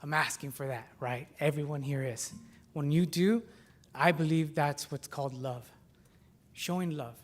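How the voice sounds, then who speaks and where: A man giving a live startup pitch as an entrepreneur, with a nervous, halting delivery that often stumbles. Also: soft background music. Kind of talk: live pitch competition presentation.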